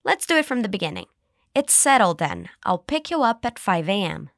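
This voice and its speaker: Lively woman podcast English teacher. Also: medium pitch, no room sound, studio quality. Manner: cheerful, slow model phrases to repeat. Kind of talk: scripted language lesson.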